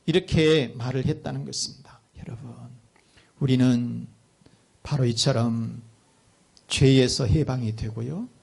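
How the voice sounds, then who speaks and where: A male pastor preaching a sermon in a church, telling a story in an animated way with emphatic swings in his voice. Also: mid-range voice, unhurried, creaky, breathy edge.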